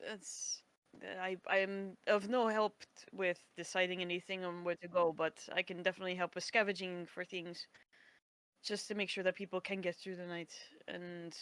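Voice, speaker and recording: A woman playing a tabletop role-playing game, speaking casually in character, tentative and halting. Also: fairly low pitch, steady tone, fairly bright tone, clear, resonant tone.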